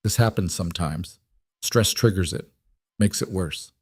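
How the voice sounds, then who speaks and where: A grim, commanding man, as a narrator puts him on, barking clipped orders and blunt truths. The voice sits low and the read is dry and close. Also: measured pace, a little mellow, husky, no room sound.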